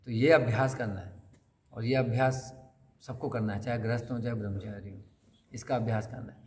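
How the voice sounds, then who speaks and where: Speaking fairly quickly in a mid-range, slightly mellow voice with fairly even intonation, a man gives a conversational sermon at a temple hall scripture class. He asks his listeners questions and acts out the lines he quotes. The recording has long hall reverb and faint noise.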